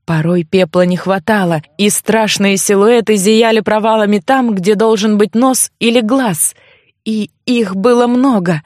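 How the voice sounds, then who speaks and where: A woman narrating a fantasy novel in a measured storytelling voice. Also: mid-range voice, steady tone, darkish tone, no echo, clean studio sound. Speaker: audiobook narrator. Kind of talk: scripted fiction narration.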